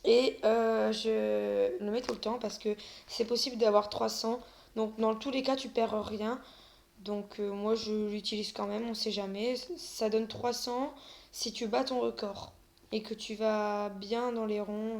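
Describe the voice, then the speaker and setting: A woman's voice: mid-range voice, steady tone, unhurried, gravelly, a little mellow. A woman giving casual commentary while playing a video game, hesitant and full of fillers, and she stammers often. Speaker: gaming video creator.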